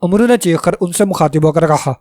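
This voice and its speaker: A man narrating a fantasy story as a storyteller, in a steady, dramatic reading. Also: on the high side, no echo.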